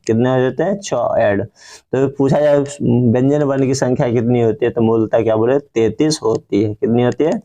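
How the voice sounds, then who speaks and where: A man's voice: medium pitch, dark tone. A man teaching a grammar lesson, who keeps asking questions and answering them himself to drill the key points. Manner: drawn-out chanting of example words.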